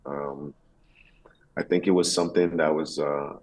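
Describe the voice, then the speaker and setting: Male athlete interviewee, extremely low husky voice, reflective and halting. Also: little pitch movement, darkish tone. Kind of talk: conversational interview answers.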